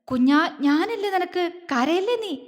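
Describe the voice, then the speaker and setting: A woman's voice: very high voice, expressive, measured pace, in a large hall, pitched above the performer's own voice. A woman voicing a tender young man who comforts his beloved, his voice breaking with emotion.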